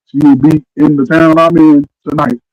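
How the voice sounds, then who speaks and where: A man's voice: fairly high pitch, steady tone, normal speed, dry recording, dull audio. A man, co-hosting a casual podcast and telling stories with emphasis. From Arkansas, USA. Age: 40s. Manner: storytelling, emphatic. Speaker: podcast co-host. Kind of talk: casual chat.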